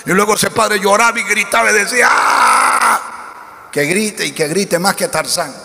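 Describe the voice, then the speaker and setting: A male pastor with a high, bright and forceful voice preaches emphatically, piling up repeated lists and rhetorical questions. His voice rings through a church hall with a long echo and a faint murmur of the room behind him. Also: a little fast, vocal fry. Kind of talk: sermon.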